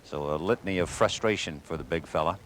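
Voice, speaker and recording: A man's voice: sits low, fast, a bit bright. A man giving live golf commentary with wry, wisecracking asides. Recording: noisy outdoor broadcast with crowd, 1980s. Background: outdoor gallery crowd and ambience.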